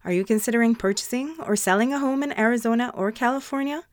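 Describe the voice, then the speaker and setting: A woman hosting a podcast delivers a scripted introduction and sponsor reads to listeners, then moves on to interviewing a guest. Her voice is on the high side and fast, captured as clean studio sound with no room echo.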